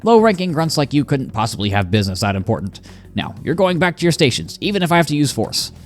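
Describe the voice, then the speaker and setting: A man's voice: a little high, sing-song, fast talker. A man voicing a put-upon male robot clerk who whines and grumbles about his boss, reading game dialogue aloud. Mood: grumbling. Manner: whiny, complaining.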